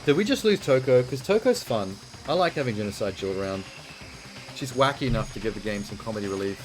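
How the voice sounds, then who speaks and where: A man with a mid-range, animated voice talks fast while hosting a game playthrough against a noisy background with game music. He reads the game text aloud and gives casual, blunt commentary. He sounds exasperated and tosses in blunt asides.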